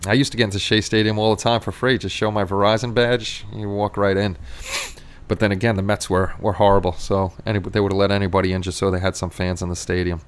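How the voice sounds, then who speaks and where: A middle-aged man hosts a casual livestream in a Queens New York accent. His voice is on the low side and very smooth and resonant. He rambles as he answers the chat, often saying a phrase twice. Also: flat delivery, quick pace. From Queens, New York City, USA. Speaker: livestream host.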